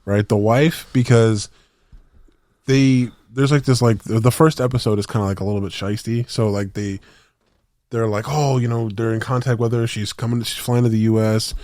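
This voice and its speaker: A man's voice: medium pitch, fairly even intonation, normal speed, darkish tone, no echo. A young man on a podcast, telling a story in rambling, slangy casual chat with lots of restarts. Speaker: podcast co-host.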